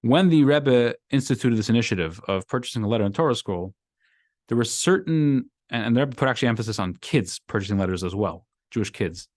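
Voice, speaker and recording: This Brooklyn rabbi, speaking a little fast in a mid-range voice, gives a casual weekly Torah class from a classroom microphone. He is animated and emphatic, repeating phrases and pushing his lines upward. The recording is dry with clean, studio-like sound.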